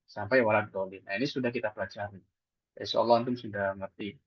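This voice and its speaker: A man's voice: lowish voice, steady tone, fast talker, husky, dry recording. A man teaching Quran recitation in an online lesson, explaining patiently step by step and asking and answering his own questions. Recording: dull dry lo-fi sound.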